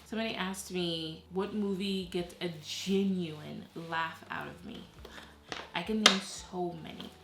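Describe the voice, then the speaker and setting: A woman's voice: lowish voice, fairly even intonation, measured pace, gravelly, a little hiss or hum. A woman who grew up in Haiti, chatting casually while she does a craft project, laughing often and trailing off mid-thought. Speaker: vlogger. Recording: echoey room.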